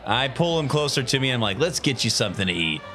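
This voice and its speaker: A man banters casually as a tabletop game player. His voice is medium in pitch and very animated, over background music. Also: fast talker.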